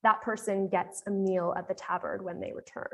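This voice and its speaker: A woman's voice: mid-range voice, fairly even intonation, moderate pace, fairly bright tone. A woman with an American accent giving a casual, explanatory live demo presentation on a panel, talking with frequent fillers.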